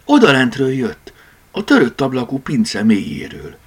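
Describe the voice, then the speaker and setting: A man's voice: medium pitch, sing-song, husky, voice pushed up. A man voicing a curious, determined red tomcat in an audiobook, eager in manner.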